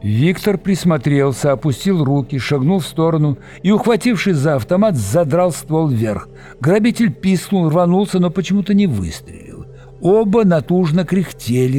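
A man narrating a novel as an audiobook with expressive storytelling. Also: on the high side.

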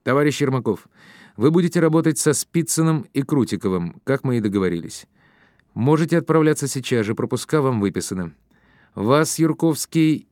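A man's voice: mid-range voice, darkish tone, no room sound, clean studio sound, lightly acted. A man reading an audiobook voices a middle-aged male chief who gives curt, authoritative orders.

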